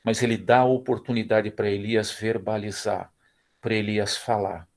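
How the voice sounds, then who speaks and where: A man's voice: lowish voice, flat delivery, normal speed, a little mellow. Emphatic middle-aged Brazilian man teaching. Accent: Brazilian Portuguese. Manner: emphatic, repeats phrases, acts out quoted dialogue. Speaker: Bible school teacher. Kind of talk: church Bible class teaching.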